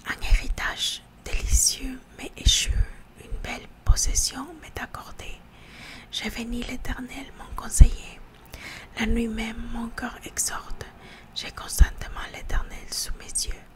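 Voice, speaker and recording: Casting: female ASMR reader, hushed library whisper, unhurried and slightly halting scripture reading. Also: on the high side, little pitch movement. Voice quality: hushed library-style whisper, mostly unvoiced. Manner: slow, halting reading with repeated words.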